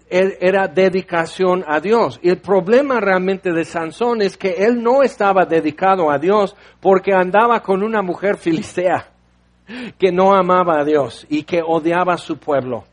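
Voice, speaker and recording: A man's voice: high-pitched, measured pace. A man preaching a sermon, reading Bible verses and explaining them with conversational, playful asides.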